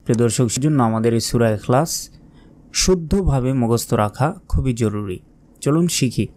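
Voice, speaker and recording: A man with a Bangladeshi Bengali accent teaching Quran recitation, calmly and patiently repeating each word. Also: mid-range voice, normal speed. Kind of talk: religious lesson with slow recitation.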